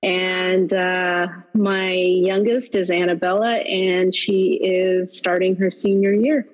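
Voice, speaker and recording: A woman who lives in Texas, a psychologist guest on a podcast, introducing herself haltingly with many ums. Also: on the low side, little pitch movement, low-quality recording. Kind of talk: casual podcast chat.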